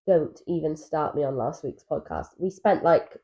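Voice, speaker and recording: Mellow-voiced woman chatting on a podcast. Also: sits low, moderate pace. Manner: chatty storyteller, animated asides. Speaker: podcast co-host. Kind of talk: casual chat. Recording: dull lo-fi mic sound.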